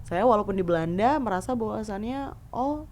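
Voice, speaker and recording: A woman in her thirties from eastern Indonesia, a podcast guest telling stories in a lively, casual way and mixing in English words. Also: mid-range voice, normal speed.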